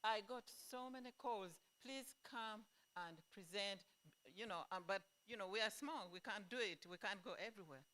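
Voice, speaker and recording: A middle-aged woman giving an earnest, emphatic speech to an audience as an event organizer, pausing often. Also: mid-range voice, fairly bright tone. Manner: slow, earnest and emphatic, with pauses.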